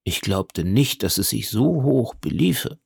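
A man's voice: on the low side, very animated, a little slow, gravelly, husky, no echo, studio quality, exaggerated voice. A man reading aloud voices a nervous, timid old Italian ex-soldier who answers with wondering questions. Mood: uneasy, wondering. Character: elderly timid Italian ex-major, nervous and eager.

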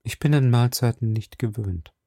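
A withdrawn, pale clerk speaking softly and politely, his refusals flat and low-key, as a male narrator puts him on. The voice is slightly gravelly and dry. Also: normal speed, no echo.

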